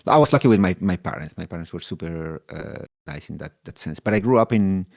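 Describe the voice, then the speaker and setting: A man from Chile speaks as a podcast guest in a low voice, answering casually and restarting phrases as he gathers his thoughts. The sound is dry and close to the mic. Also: lively intonation, creaky, no echo. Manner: halting, repeats words while thinking. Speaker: podcast guest, solution architect.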